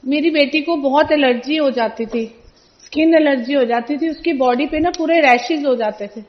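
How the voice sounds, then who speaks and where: A woman's voice: high voice, normal speed. A woman, giving an earnest personal testimony as a devotee and acting out the people she quotes. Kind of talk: personal testimony at a religious gathering. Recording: dull lo-fi recording.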